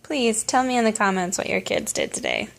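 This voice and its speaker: A woman's voice: medium pitch, huge pitch swings, brisk, creaky, fairly bright tone. A young adult woman, a mom vlogger, chatting in an upbeat, instructive way and giving parenting tips. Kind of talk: casual vlog chat and parenting tips.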